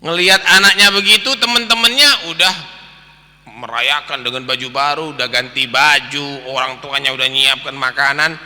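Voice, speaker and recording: A man giving a dawn lecture sermon, telling stories in an animated way and addressing listeners as brothers. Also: mid-range voice, normal speed. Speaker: preacher. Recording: long hall reverb.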